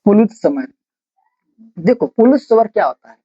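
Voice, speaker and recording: A patient classroom voice spells out grammar definitions slowly, breaking each sentence into single words so that students can copy them down. The tone is dark and mellow. The sound is dull and lo-fi, like a cheap phone recording. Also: medium pitch, very animated. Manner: asks questions and answers them itself. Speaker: Hindi grammar teacher. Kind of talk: blackboard-style grammar lesson, dictating notes.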